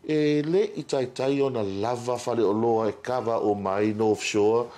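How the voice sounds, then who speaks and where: A middle-aged man with a Samoan accent, talking casually as an interview guest, with frequent pauses and repeats. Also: medium pitch, fairly even intonation, a crowd in the background. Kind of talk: casual interview talk, mixing Samoan and English. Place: indoor interview set.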